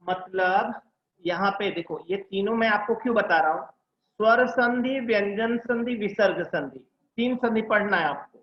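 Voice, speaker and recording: A man's voice: high voice, normal speed. A man tutoring an online class, drilling letter sounds one at a time and checking in with his students. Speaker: Hindi tutor. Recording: echoey, dull lo-fi room sound.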